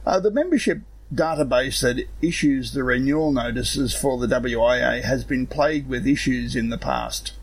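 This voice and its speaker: A man with a rough, gravelly voice, hoarse from illness, reading a scripted announcement as an organisation secretary. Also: medium pitch, normal speed, few pauses. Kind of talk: scripted news announcement read aloud.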